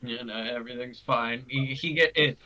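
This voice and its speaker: A man narrating as game master of a tabletop game, halting and full of restarts. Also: mid-range voice, sharp tone, rough recording.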